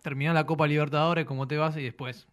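A man's voice: fairly high pitch, fairly even intonation, quick pace, fairly bright tone. A man with an Argentine Spanish accent, a football talk show co-host chiming in with short opinions. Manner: brief agreeing interjections and opinions.

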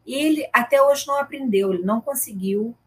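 A middle-aged woman tells stories in casual conversation. Her voice is husky with a slightly breathy edge. She is animated and acts out the people she quotes. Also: fairly high pitch, brisk. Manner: animated, retells scenes with quoted dialogue. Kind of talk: conversational storytelling.

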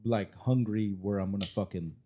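A man with a low voice co-hosts a casual podcast chat. He sounds easygoing, swears offhandedly, and often answers his co-host with short remarks. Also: fairly even intonation, normal speed, noisy background.

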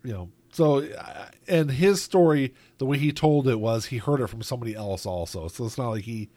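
A man's voice: mid-range voice, brisk, mellow, no room sound. A man hosting a casual chat, rambling with lots of filler words.

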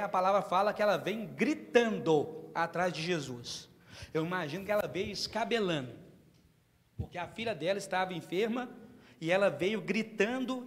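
A Brazilian man preaching a sermon as pastor in a church, emphatic and building to loud passages. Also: high voice. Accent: Brazilian Portuguese. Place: church hall. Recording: long hall reverb.

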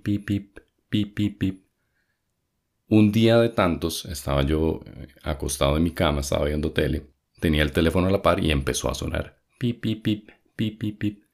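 A man's voice: extremely low pitch, darkish tone. A young man tells a personal ghost story in a casual way, acting out quotes and sound effects.

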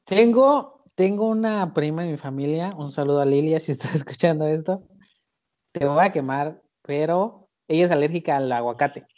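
Chatty Mexican man, somewhat high voice. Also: moderate pace, a little mellow. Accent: Mexican Spanish. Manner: chatty, hesitant fillers, laughs often. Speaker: podcast host. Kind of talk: casual chat. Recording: lo-fi recording.

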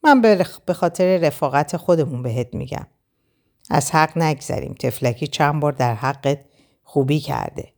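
A woman's voice: low-pitched, expressive, a little mellow. A woman voicing a teasing young male friend with a playful, sly manner in an audiobook reading.

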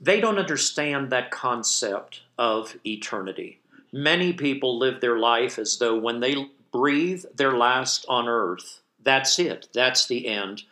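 A man hosting a faith interview, gently prompting his guest with leading questions. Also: medium pitch, expressive, takes it slowly. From United States. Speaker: host.

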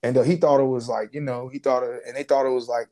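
The speaker, a man in his twenties who used to play pro football, has a medium-pitched voice and talks at a quick pace. His casual interview account is relaxed and slangy, riddled with fillers and restarts.

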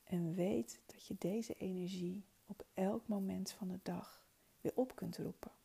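Woman, soft spa whisper, guided meditation, very slow, dark mellow tone, breathy, gentle, soothing. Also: mid-range voice, fairly even intonation.

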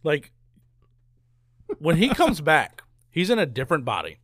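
A man co-hosting a casual movie review chat, animated and incredulous, who laughs a lot. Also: on the high side, a little slow, no room sound, clean studio sound.

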